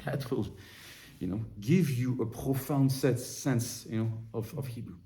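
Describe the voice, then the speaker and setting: A Torah teacher with a mid-pitched voice leads an informal study-group lesson. He explains haltingly, restarting and repeating words, but becomes livelier and more animated as he works through a passage.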